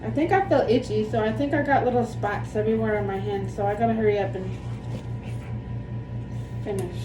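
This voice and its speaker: A woman's voice: mid-range voice, fairly quick. A woman in her thirties with a lisp, chatting casually and in a rambling, self-deprecating way as she demonstrates something for a vlog. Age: 30s. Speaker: plant vlogger. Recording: echoey room, distant mic, background music.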